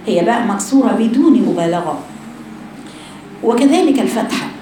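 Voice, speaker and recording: Fast-talking Egyptian woman teaching recitation. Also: on the high side, warm tone, slight background noise. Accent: Egyptian Arabic. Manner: demonstrates sounds by repeating syllables, addresses female students. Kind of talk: religious lesson on tajweed. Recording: heavily echoing room.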